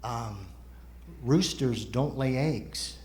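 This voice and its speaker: A man's voice: medium pitch, extremely slow, a little mellow. A man performing as a ventriloquist's straight man, asking patient, explanatory questions in a conversational stage routine.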